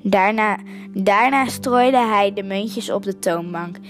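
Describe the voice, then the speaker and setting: A woman's voice: mid-range voice, slow pace, faint music behind. A woman reading a children's story aloud, stumbling and correcting herself over words. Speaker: story reader.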